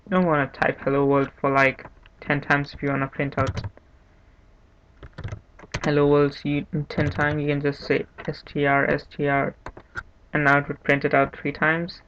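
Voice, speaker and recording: A man hosting a screen-recorded programming tutorial, talking in a monotone, unhurried way and thinking aloud with restarts. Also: on the high side. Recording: dull lo-fi mic with faint hiss. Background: keyboard typing and clicks.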